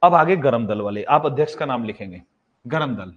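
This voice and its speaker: On a slightly dull lo-fi recording, a male teacher with a mid-range, animated voice moves at a moderate pace through a casual history lesson aimed at exams. Addressing his students as "bhai," he asks something, answers it himself, and repeats the essential facts.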